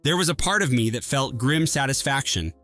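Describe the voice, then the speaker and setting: A man telling a first-person story in an even, measured scripted narration. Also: medium pitch, faint music behind.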